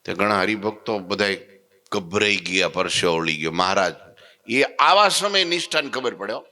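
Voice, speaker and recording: A man telling a sacred story as a swami, animated and lively, often slipping into character voices. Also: on the low side, moderate pace. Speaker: swami preaching a daily scripture discourse. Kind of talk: sermon storytelling.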